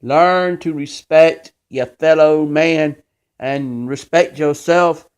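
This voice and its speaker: A man's voice: fairly high pitch, slow, smooth. A man hosting his own show, delivering an impassioned, scolding monologue about faith. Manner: preachy, emphatic, scolding. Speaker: show host.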